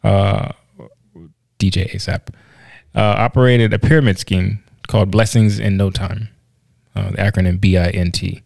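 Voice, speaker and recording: A man's voice: lowish voice, fairly even intonation, a little slow, creaky, pauses often, darkish tone, no room sound. A man co-hosting a podcast in casual chat, talkative, laughing easily and restarting his sentences often. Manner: chatty, laughs easily, many restarts and fillers. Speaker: podcast co-host.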